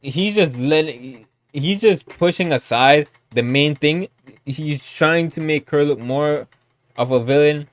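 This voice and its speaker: A man's voice: on the high side, slow, no room sound. A man doing casual live reaction commentary as a streamer, talking in repetitive slang and often saying bro.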